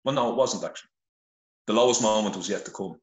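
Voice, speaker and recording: Speaking fast in a voice on the low side, this middle-aged Irishman guests on a podcast by phone, recounting his story in a candid, conversational way. He is blunt and earnest, swears a lot, and holds the phone to his face, so the sound is reverberant and lo-fi.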